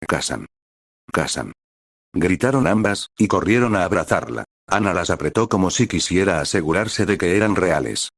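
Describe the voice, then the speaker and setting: Male narrator for a fan-story reading, deep voice, dry close sound. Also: a little fast, no echo. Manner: even, descriptive storytelling. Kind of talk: dramatized fan-fiction reading.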